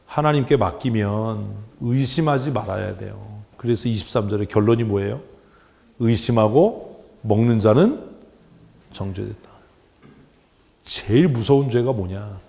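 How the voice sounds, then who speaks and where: A man preaching a sermon as pastor in a church, animated and joking, acting out the voices he quotes. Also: mid-range voice, gravelly. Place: church sanctuary. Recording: church hall with long reverb.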